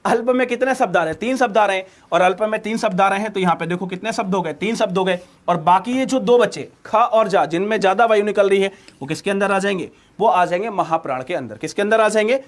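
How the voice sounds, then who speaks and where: A man's voice: high voice, fast talker, few pauses. A man teaching an exam-prep grammar lesson, drilling students by asking a question and then repeating the answer.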